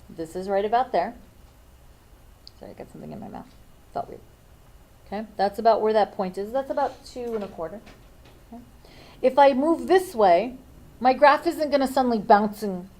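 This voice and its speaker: A woman's voice: on the high side, a little mellow, rough recording. A woman teaching a math lesson, thinking aloud and checking in with frequent "okay?"s.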